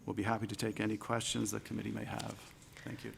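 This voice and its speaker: A man, a deputy minister, giving formal committee testimony in a low-key, monotone delivery. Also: quick pace, creaky, background noise. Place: legislative committee room.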